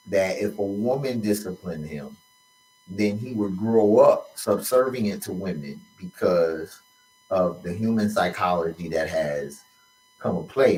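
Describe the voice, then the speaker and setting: A man with a fairly low voice lays out his views in a slow, deliberate, lecturing manner as host of a conversational show. He sits a little back from the mic, so his voice sounds slightly distant. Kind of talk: conversational commentary.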